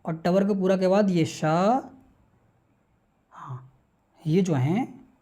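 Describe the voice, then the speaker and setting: A man's voice: sits high, takes it slowly, warm tone. A man teaching a class, reciting speech sounds one by one and asking questions that he answers himself, in an informal, direct way. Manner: informal, addresses students directly. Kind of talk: classroom lecture on phonetics.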